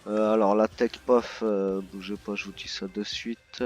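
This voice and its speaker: Improvising as a courteous bartender in a roleplay game, a man speaks politely and formally to customers in a lowish, level, darkish voice at normal speed. It's in-character customer service chat over dull, lo-fi voice chat, with music playing behind him.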